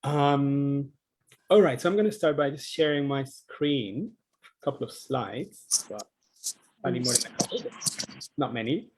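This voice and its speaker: Presenter: a man from the Netherlands, in his thirties, thoughtful and a bit halting, on a conference call. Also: medium pitch, slight background noise, low-quality recording. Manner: earnest, reflective, with frequent ums. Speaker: social enterprise founder presenting. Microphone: video call.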